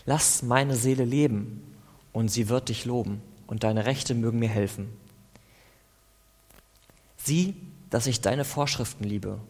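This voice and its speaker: A man of middle pitch reads psalm verses as a devotional, calm and deliberate. Between the verses he breaks off to explain in an easy, conversational tone. His voice carries a long reverb, as if recorded in a large hall. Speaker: preacher. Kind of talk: devotional Bible reading and commentary.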